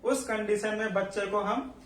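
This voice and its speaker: Guy teaching nursing, high voice, asks then answers himself, echoey room, mic kinda far. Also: steady tone, normal speed, a bit bright. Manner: asks questions then answers them himself, repeats key points. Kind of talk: classroom lecture.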